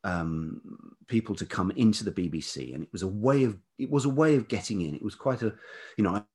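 An interview guest who writes and produces chats reflectively about his life story. He is a man in his fifties with a velvety, husky voice of fairly low, darkish pitch, and he talks a little fast and expressively, though hesitantly and thoughtfully.

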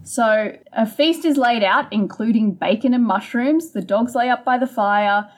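A woman's voice: a little high, measured pace. A woman co-hosting a book podcast, steadily retelling the plot in a casual conversational way. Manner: steady storytelling, summarizing the plot. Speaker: podcast co-host.

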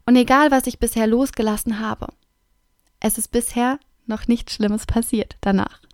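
A woman speaking as a self-help coach, guiding the listener through calm self-reflection in a gentle, encouraging way that often drops into a soft whisper. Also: on the high side, moderate pace, dry recording, studio quality. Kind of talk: guided self-reflection talk.

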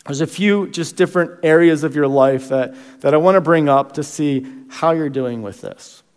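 Earnest pastor preaching in a reverberant church. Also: male voice, fairly high pitch, normal speed, darkish tone, clear, resonant tone. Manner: earnest, conversational with frequent restarts. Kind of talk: sermon. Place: church sanctuary.

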